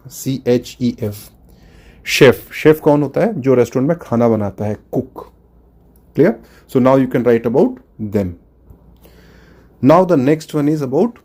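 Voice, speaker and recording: A man's voice: medium pitch, dark tone. A man with an Indian accent teaching a school class, spelling words out letter by letter and switching between Hindi and English. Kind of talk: online class lesson.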